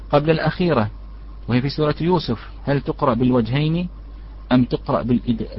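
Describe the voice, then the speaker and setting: A man with a medium-pitched voice teaches a religious lesson on recitation rules, calling his listeners brothers and posing questions before answering them. The recording is dull and lo-fi, with a slight hiss or hum.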